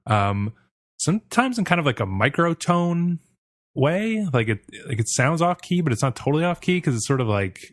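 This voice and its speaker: A man's voice: a little high, sing-song, normal speed, no echo, studio quality. A man co-hosting a music review podcast, talking bluntly and leading the casual discussion. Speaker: podcast co-host.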